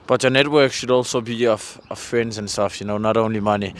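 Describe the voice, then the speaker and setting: Brisk and fairly low-pitched, this man keeps his intonation fairly even. Working as a vlogger and street interviewer, he rambles somewhat hesitantly in a casual chat, quizzing people passing by outdoors next to a mountain-valley road, with wind and roadside noise all over the audio.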